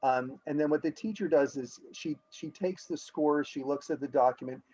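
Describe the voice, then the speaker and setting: A school administrator explaining an evaluation process in a meeting, conversational, with examples and frequent restarts. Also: male voice, on the high side, normal speed, warm tone, highs cut off.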